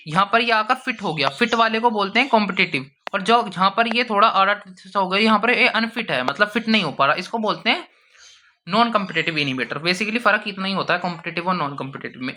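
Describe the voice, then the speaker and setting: A man with an Indian accent giving a casual pharmacy lecture, reading English notes slowly and explaining them conversationally. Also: high voice, sharp tone. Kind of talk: informal lecture, explaining slides.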